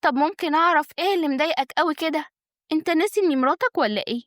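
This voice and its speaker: A woman's voice: high voice, fast, dry recording, clean studio sound, voice pushed up, close to an everyday voice. A woman voicing a scheming young wife with an Egyptian accent, sweet-talking and coaxing. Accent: Egyptian Arabic.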